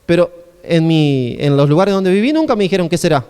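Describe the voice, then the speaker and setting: A man's voice: on the high side, expressive, brisk, a little mellow, clean tone, long reverb tail. A man with an Argentine accent preaching a sermon as a pastor, in a conversational style with many rhetorical questions.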